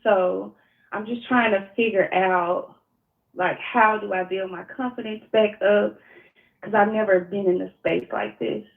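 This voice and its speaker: Female caller, Mississippi accent, halting and unscripted, mid-range voice, thin narrow phone audio. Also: mid-range voice, fairly even intonation, creaky. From Mississippi, United States. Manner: hesitant, searching for words. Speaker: call-in coaching client. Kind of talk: personal, unscripted phone conversation. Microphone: phone call. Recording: tinny narrow-band phone line.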